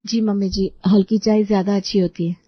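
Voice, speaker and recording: A woman's voice: medium pitch, flat delivery, fairly quick, close to an everyday voice. A woman voicing a polite, firm young daughter-in-law. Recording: dull lo-fi dry recording.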